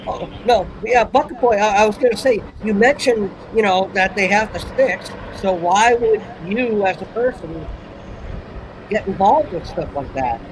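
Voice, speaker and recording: A man's voice: sits high, lively intonation, measured pace, background noise. A man chatting on a live panel, hesitant and stammering, with a joking streak. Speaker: panel guest. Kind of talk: casual live panel chat.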